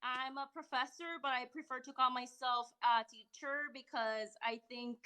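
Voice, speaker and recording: This professor from Puerto Rico, a podcast guest, keeps things bubbly and teasing during a relaxed live-stream chat. She speaks at a normal pace in a high, smooth voice that is bright and forceful, with fairly even intonation.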